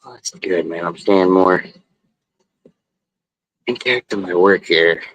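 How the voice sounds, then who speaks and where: Low-pitched man chatting casually while he works. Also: unhurried, fairly bright tone, slight background noise, low-quality recording. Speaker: live streamer and tattoo artist. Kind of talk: casual chat while drawing. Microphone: phone.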